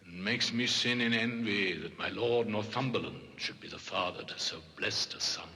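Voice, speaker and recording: A man playing an aging, weary English king who rebukes his son, speaking Shakespearean verse in a grave, measured way from an old film soundtrack. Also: fairly low pitch, bright, forceful tone, long reverb tail, a little hiss or hum. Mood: rueful. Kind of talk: classical Shakespearean film acting.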